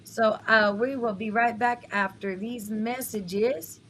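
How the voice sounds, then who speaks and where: A woman's voice: fairly high pitch, fairly even intonation, slow, fairly bright tone, slight background noise. A woman radio host with a twangy West Texas drawl, chatting casually and giggling often. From West Texas, United States. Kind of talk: casual interview chat.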